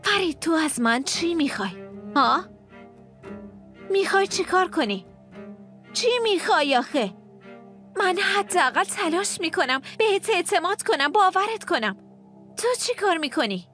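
A woman's voice: very high voice, big pitch swings, pauses often, a bit bright, faint music behind, heavily acted. An actress dubbing a hurt young wife who answers her husband defensively and reproachfully. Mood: pleading. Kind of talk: Persian dub of a TV drama.

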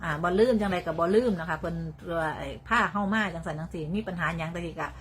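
A woman's voice: fairly low pitch, fast. An older woman with a Northeastern Thai Isan accent, hosting a casual livestream on her phone, chatting in a rambling way, repeating words and laughing often. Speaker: livestream host.

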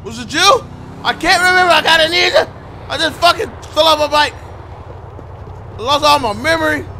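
A man giving loud, joking commentary while playing a crime game, talking back to the characters on screen. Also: very high voice, moderate pace, a little hiss or hum. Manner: loud, excitable, talks to the screen. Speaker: gameplay streamer. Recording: loud game sound behind.

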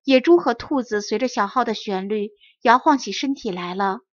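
A woman reading a fairy tale aloud as an audiobook narrator, clear and expressive. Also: fairly high pitch, moderate pace, dry recording. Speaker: audiobook reader. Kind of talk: storybook narration. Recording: dry dull close recording.

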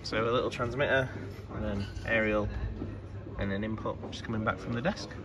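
A touring musician in his 20s casually narrates a vlog to a handheld camera, chatty and full of jokes, with scenes in a van, hotel room and small venue. His lowish voice has fairly even intonation at a moderate pace amid crowd noise, caught as noisy phone audio from a phone or camera on a handheld grip.

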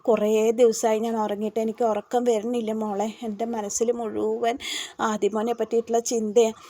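A woman voicing a worried older grandmother who speaks slowly and wearily from a hospital bed. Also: fairly high pitch, little pitch movement, dark tone. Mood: weary. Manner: slow, weary.

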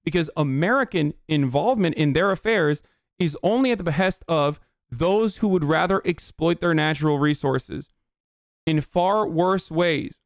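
Man, 30s, from Turkey, political streamer, blunt profane ranting, slightly high voice, dry close mic. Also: normal speed, dry recording. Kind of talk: heated livestream commentary. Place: home room, indoors. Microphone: studio mic on boom arm.

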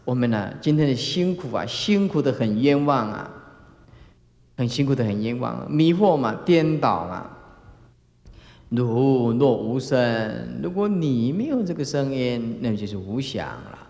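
A man's voice: unhurried, vocal fry. A man giving a Buddhist sermon as a dharma master, full of filler sounds and acted-out calls. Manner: animated, acts out examples with sudden high calls; frequent filler particles like "ah" and "eh". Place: lecture hall. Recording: roomy lecture hall reverb.

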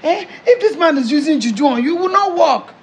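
Comedy skit: performer as a pushy Nigerian mother-in-law, high, animated, gravelly. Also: fast talker. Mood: reassuring. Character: pushy Igbo mother of the bride, loud and preachy.

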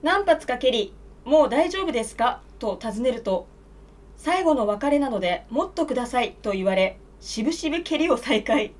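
A woman's voice: fairly high pitch, animated, moderate pace. A young woman reading scripted mock news as a newscaster in formal style. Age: young adult. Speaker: comedy newscaster.

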